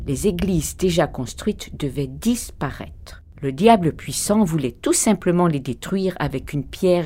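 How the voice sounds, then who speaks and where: A woman narrating a folk legend in a calm, even, scripted storytelling manner. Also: deep voice, noisy background.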